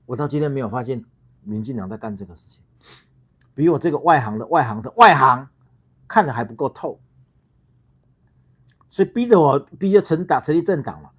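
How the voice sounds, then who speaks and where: Animated ranting Taiwanese man. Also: mid-range voice, fairly quick, pauses often, breathy edge. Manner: ranting, swearing, rhetorical questions, repeats words. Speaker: political party founder and livestream host. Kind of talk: heated political livestream monologue.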